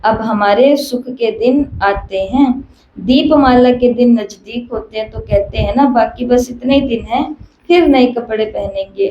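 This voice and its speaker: A woman's voice: on the high side, warm tone, highs cut off. A woman giving a spiritual discourse as a teacher, telling little stories and driving points home with repeated, emphatic questions. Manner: repetitive emphatic questioning, storytelling. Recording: echoey room with faint hiss.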